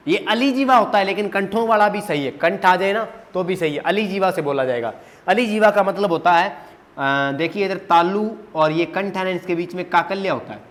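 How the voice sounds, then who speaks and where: Man teaching at a board, fairly high voice, asks questions then answers them, drills letters one at a time. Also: a bit bright. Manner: quizzing students with questions he answers himself. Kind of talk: blackboard grammar lesson.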